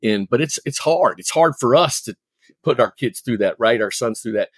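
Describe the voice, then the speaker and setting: A man's voice: mid-range voice, expressive, moderate pace, breathy edge, no room sound. A middle-aged man speaks as a guest coach, his voice in the middle of the male range. He talks earnestly and drives his points home by repeating them. The sound is dry and close. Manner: earnest, emphatic, repeating for weight. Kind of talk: interview storytelling.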